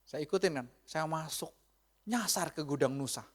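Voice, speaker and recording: A male pastor, telling a chatty, animated story to his congregation and often laughing. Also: a little high, normal speed. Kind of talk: storytelling sermon.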